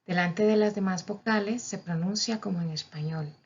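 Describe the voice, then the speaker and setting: A woman's voice: medium pitch, normal speed, breathy edge. A woman teaching a language lesson, carefully spelling out each letter and example word. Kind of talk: slow, methodical teaching. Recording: dull, lo-fi recording.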